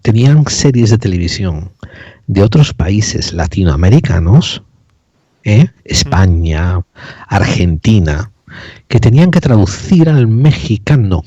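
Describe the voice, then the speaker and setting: A man's voice: lowish voice, very animated, measured pace, dark tone, dry recording. A man hosting a casual chat, telling stories and swearing freely, his voice a bit metallic. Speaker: host. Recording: slightly metallic, dull sound.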